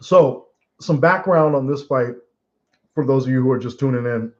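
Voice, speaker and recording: A man hosting casual live fight commentary from home, telling stories in a rambling, animated way with many restarts. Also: medium pitch, moderate pace. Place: home room watching fights. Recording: dull lo-fi sound.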